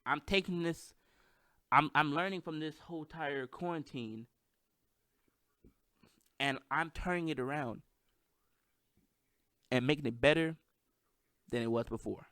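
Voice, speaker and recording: A man's voice: fairly high pitch, a little slow, pauses often, bright, forceful tone, clear, resonant tone, no room sound, clean studio sound. Young-sounding man with a lisp, hyped up. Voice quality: slight lisp. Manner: stuttering, hyped and self-deprecating. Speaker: podcast host. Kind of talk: casual solo podcast monologue. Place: at home with microphone.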